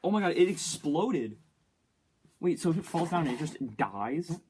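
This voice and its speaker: A young man chatting to himself as a YouTuber, easily excited and joking while he builds and plays. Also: on the high side, measured pace, heavy background noise. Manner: chatty self-talk, easily excited, jokey. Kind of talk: casual build-and-play commentary.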